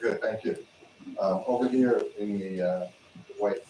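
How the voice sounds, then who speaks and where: A man's voice: on the low side, unhurried, mellow. A man moderating a question session, hesitant with many fillers. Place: large lecture hall. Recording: echoey hall, far mic, faint hum.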